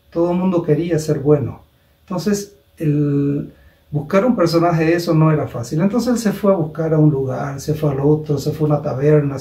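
A man's voice: on the high side, a little mellow. Man preaching through a story. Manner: deliberate, with rhetorical questions to listeners. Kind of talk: storytelling sermon. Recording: roomy echo, distant mic.

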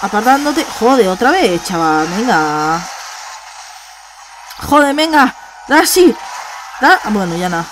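A woman gamer with a Spain Spanish accent, giving let's play commentary; she gets excited, swears and repeats words. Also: medium pitch, slow pace, long pauses, noisy background.

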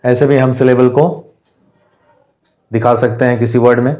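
A man from India teaching an English lesson, slowly spelling out words letter by letter. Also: medium pitch, steady tone, warm tone. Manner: slow, deliberate spelling out of letters. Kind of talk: classroom lesson explanation.

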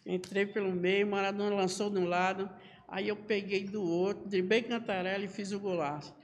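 A man, talking as a podcast guest and spinning his stories with lively energy, slipping into other people's voices as he goes. His voice sits unusually high for a man. The sound carries a long, hall-like reverb. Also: normal speed, muffled recording. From Northeast Brazil. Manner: lively storyteller who acts out other people's lines. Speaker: podcast guest, former footballer. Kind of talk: animated storytelling interview.

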